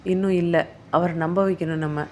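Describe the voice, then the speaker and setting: A woman voicing a calm, measured, cunning male police investigator. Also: on the low side, a little hiss or hum, close to an everyday voice. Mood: scheming.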